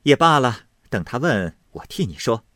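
Male reader as noble young mistress, brisk and commanding, animated delivery. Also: mid-range voice, dry recording, studio quality, pitched above the performer's own voice. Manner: brisk, bossy, talkative.

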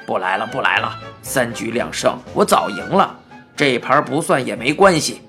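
A reader voicing a mischievous, playful old man who talks in a gruff, slow, teasing drawl, in a children's story. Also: mid-range voice, sing-song, a bit bright, faint music behind, voice pushed down. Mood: blustering.

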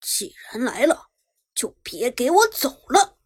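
A woman's voice: high voice, big pitch swings, unhurried, breathy edge, no echo, studio quality, full character voice. A woman voicing a sly, mocking male pro gamer who drawls his taunts. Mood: taunting.

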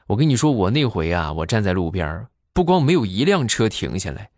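A chatty young woman confides about herself with wry self-mockery, as a man puts her on. The voice stays close to his own low one, lively in pitch and dry. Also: brisk, no room sound. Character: blunt, self-mocking plain young woman friend.

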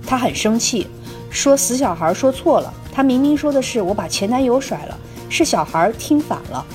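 A woman co-hosting a podcast, reading a listener's letter aloud at a steady, conversational pace. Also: fairly high pitch, normal speed, faint music behind. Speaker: podcast co-host.

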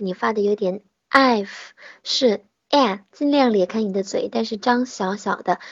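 A woman teaching English pronunciation in an online lesson, patiently modelling sounds slowly and repeating them. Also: medium pitch, no room sound, highs cut off.

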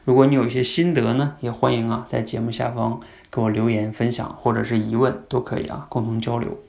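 Gravelly-voiced man hosting a podcast. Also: medium pitch, little pitch movement, fairly quick, a little mellow. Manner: conversational, asks listeners questions. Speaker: podcast host teaching communication. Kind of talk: explanatory podcast talk.

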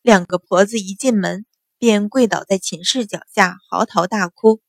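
A woman reads a novel aloud in a steady, even storytelling voice. Her pitch sits in the middle range for a woman. The recording is dry and close, with no room echo. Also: moderate pace. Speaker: audiobook narrator. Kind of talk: scripted narration of a novel.

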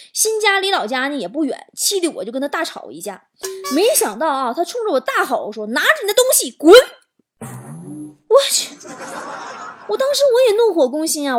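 A woman talk show host, telling stories in an animated, exaggerated comic monologue. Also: high-pitched. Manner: animated, exaggerated storytelling with swearing and laughter. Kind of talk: comedic monologue.

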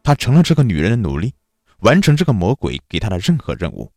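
A man narrating a dark story in an expressive, dramatic manner. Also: on the low side, quick pace, no room sound, studio quality.

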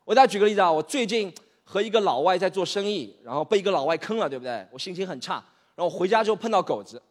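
A man in his thirties from Shanghai performs a stand-up set on stage, rattling along fast with a higher voice. His storytelling is animated and exasperated, and a long hall reverb follows each line. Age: 30s. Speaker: stand-up comedian. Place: comedy stage.

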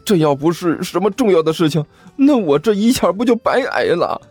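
A man's voice: high voice, big pitch swings, brisk, a little mellow, husky, dry recording, voice pushed up, full character voice. A man voicing a chubby, panicky schoolboy who whimpers, groans and stammers dramatically. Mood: fretting.

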